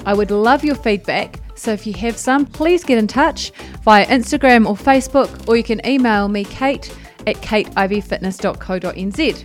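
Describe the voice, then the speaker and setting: A woman's voice: mid-range voice, moderate pace, soft background music. A woman hosting a podcast, chatting casually with a guest and laughing often. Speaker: podcast host. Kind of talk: casual interview chat.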